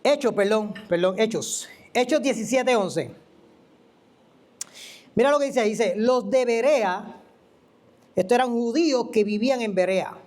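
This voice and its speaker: A preacher gives an animated, conversational teaching sermon, asking the listener questions. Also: medium pitch, a little slow, long pauses. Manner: animated, asks the listener questions and acts out quoted voices. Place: church.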